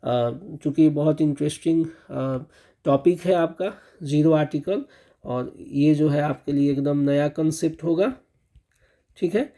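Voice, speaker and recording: Guy teaching english grammar, super mellow dark voice, keeps asking "got it?" and repeats the example words slow. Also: on the high side, poor audio. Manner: keeps checking understanding with repeated "theek hai" and "spasht ho gaya"; drills pronunciation by repeating example words slowly. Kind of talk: explaining a grammar lesson.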